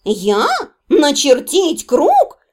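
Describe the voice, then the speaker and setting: A woman's voice: sits high, wildly swooping pitch, drawn-out words, a little mellow, exaggerated voice. A woman voicing an older male necromancer in a storybook reading, amazed and stammering.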